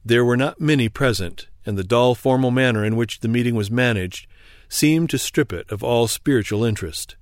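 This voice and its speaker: A man calmly reading an old first-person sea memoir aloud in a measured, formal manner. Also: mid-range voice, no echo, clean studio sound. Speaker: audiobook reader. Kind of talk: scripted narration of a memoir.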